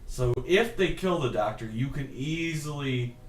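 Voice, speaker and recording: An opinionated man co-hosting a casual podcast, talking at ordinary pitch. He sits some way from the mic in an echoey room. A faint hiss runs underneath. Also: animated, a little slow, recorded from a distance. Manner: opinionated, joking, slips into silly put-on voices. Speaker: podcast co-host. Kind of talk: casual chat.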